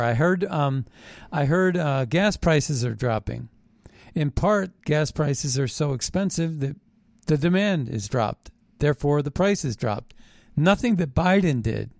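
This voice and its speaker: A man's voice: a little high, a little mellow, no echo. An American man delivering an unscripted political rant in a suspicious, conspiratorial manner, repeating phrases for stress as a show host.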